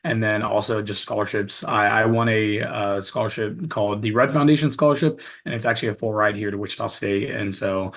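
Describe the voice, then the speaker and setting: A young man from Kansas, a university student ambassador, speaking casually on a video call with a friendly, slightly halting manner. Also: on the low side, steady tone, a bit bright. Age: young adult. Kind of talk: casual self-introduction.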